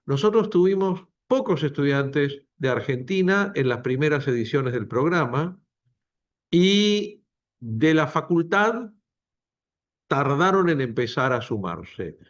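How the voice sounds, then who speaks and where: A man speaks slowly and deliberately to a university room, stressing his points by saying them twice. His somewhat high voice rises and falls with wide, lively swings. The sound is dull and lo-fi. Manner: emphatic, repeating key phrases. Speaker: doctoral program director. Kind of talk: introductory speech at a book presentation. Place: university lecture room, also streamed to video call.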